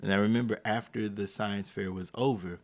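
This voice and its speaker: Speaking briskly in a lowish voice, a male podcast host recounts a personal story, animatedly acting out the quoted lines.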